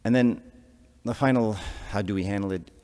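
A man's voice: fairly low pitch, normal speed, a little mellow. A man, an archdeacon, preaching a conversational sermon to a congregation, often checking in with "right?". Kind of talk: sermon to a parish audience. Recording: long hall reverb.

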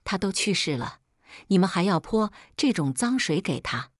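A woman's voice: on the low side, very animated, normal speed, dry recording, studio quality. A woman voicing a furious, cold widowed man confronting his in-laws, in a storybook reading. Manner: angry, stern. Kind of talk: storybook narration.

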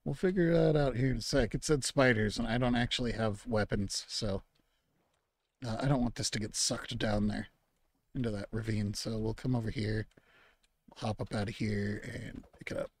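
A man's voice: lowish voice, steady tone, moderate pace, dry recording. A man hosting his own gaming channel, chatting easily and rambling to himself as he plays. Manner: easygoing, rambling, talks to himself about the game; mock-outraged scolding at game animals. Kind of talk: relaxed let's-play commentary.

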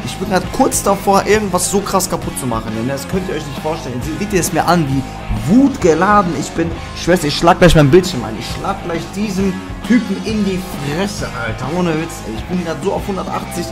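This is angry let's-play commentary from a YouTuber in his twenties who curses as he plays for viewers. The high, animated voice runs a little fast over loud game music, recorded in a small home room on a studio mic on an arm, with headphones.

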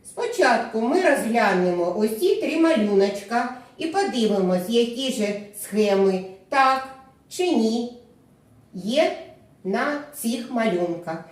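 A woman kindergarten teacher with a Ukrainian accent, giving a recorded literacy lesson and speaking clearly, syllable by syllable, for preschoolers. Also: on the high side, animated. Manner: slow, clear syllable-by-syllable speech for children. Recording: very echoey room, voice from far off.

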